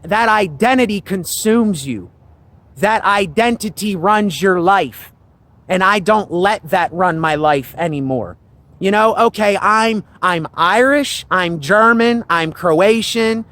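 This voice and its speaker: A man with a fairly high voice gives an earnest, preachy talk to his viewers. He speaks slowly and deliberately and keeps repeating his phrases for emphasis. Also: a bit bright. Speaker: channel host. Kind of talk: casual monologue to camera.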